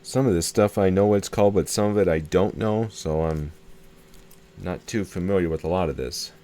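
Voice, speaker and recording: The hobbyist host here has a low, dark voice and keeps a moderate pace while showing how he repairs a radio. His hands-on walkthrough is casual and hesitant, with lots of thinking aloud and repetition. Background noise is plainly audible.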